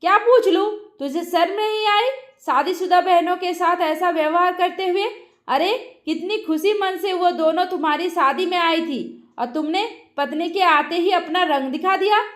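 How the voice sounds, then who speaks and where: A woman voicing an angry middle-aged mother who shouts and scolds her son, in a roomy echo. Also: extremely high pitch, moderate pace. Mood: furious.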